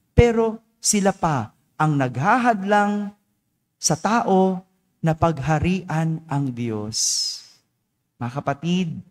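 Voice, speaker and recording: A man preaching a homily as parish priest, asking his congregation rhetorical questions and tagging his sentences with a questioning "no?". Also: fairly high pitch. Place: church. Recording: long church reverb.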